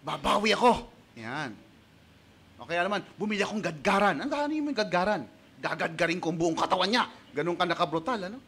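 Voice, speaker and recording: A Filipino-accented male pastor delivers an animated sermon in a notably high, ringing voice. He moves easily between Tagalog and English, stressing points and tossing rhetorical questions to the congregation. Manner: animated and emphatic, punctuating points with rhetorical "Okay?"; switches between Tagalog and English mid-sentence.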